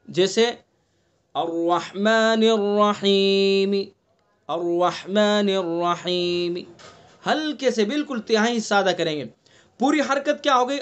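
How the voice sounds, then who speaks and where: A man from India teaches an online Quran recitation class in a high-pitched voice. He repeats each term and keeps checking the students with questions. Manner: explains slowly, repeats terms, quizzes students with questions. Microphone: online class recording.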